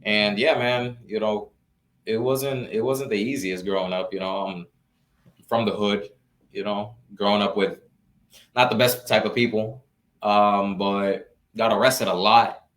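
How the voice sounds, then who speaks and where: Young man in his twenties, slightly low voice, relaxed casual guest with lots of fillers. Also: unhurried. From Florida, US. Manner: relaxed, peppered with "you know" and restarts. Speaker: guest, real estate investor. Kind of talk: casual live Q&A chat.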